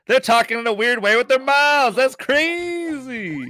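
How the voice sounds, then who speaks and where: Quick gag: a male commentator does a high-pitched, comically alarmed alien. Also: expressive, pushed and bright, heavily acted.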